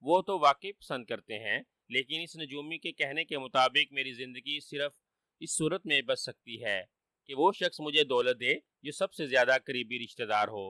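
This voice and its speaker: A man's voice: mid-range voice, bright, forceful tone, no room sound, clean studio sound, close to an everyday voice. A man voicing a wily trickster who fakes dying, whining and sly.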